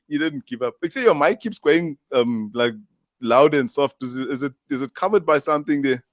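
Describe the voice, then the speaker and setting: A man's voice: fairly high pitch, lively intonation, fairly quick, dry recording, studio quality. A man with a Durban South African accent hosting a casual chat, laid-back and laughing along, speaking to viewers. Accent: South African English, Durban. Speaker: host.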